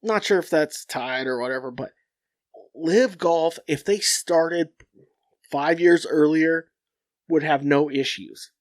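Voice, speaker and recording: A young man with a nasal, stuffed-up voice hosts a solo podcast, speaking slightly high at an unhurried, drawn-out pace. He's blunt and profane, circling back and restarting thoughts. The sound is close, completely dry, with no echo.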